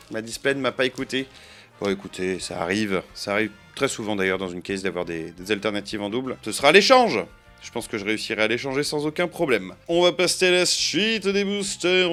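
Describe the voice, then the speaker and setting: A man's voice: fairly low pitch, fairly bright tone. A man giving chatty, playful commentary while opening trading card boosters, counting out cards and joking with his viewers. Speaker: card-opening video creator.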